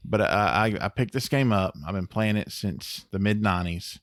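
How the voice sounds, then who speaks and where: A man in his thirties co-hosting a podcast, talking haltingly with stammered restarts and a dry, sarcastic humor. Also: fairly low pitch, no room sound. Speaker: podcast co-host. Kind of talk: casual chat.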